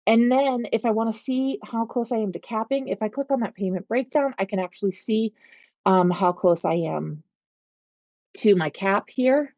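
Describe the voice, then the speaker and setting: A woman with a Pittsburgh accent teaching real estate agents, talking them step by step through commission software and checking in with "okay?" as she goes. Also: a little high, normal speed, no echo. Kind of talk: screen-share software walkthrough. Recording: slightly dull, lo-fi audio.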